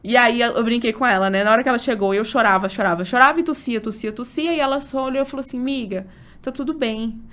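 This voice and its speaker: A woman in her thirties with a rather high voice, guesting as an obstetrician on a casual interview. She tells her story in an emotional, animated rush, leaning on fillers as she goes. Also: rapid-fire, hardly any pauses.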